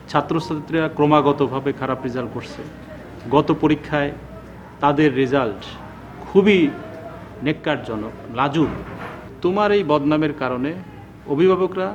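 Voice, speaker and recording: An actor playing a formal, stern school headmaster scolding a teacher in a TV serial. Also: male voice, a little high, highs cut off, lightly acted. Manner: formal, lecturing. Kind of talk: TV serial acting.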